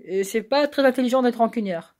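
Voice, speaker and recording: A woman's voice: fairly high pitch, a little fast, darkish tone. A woman recording a personal video message to one person, rambling and repeating herself as she pleads. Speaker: vlogger.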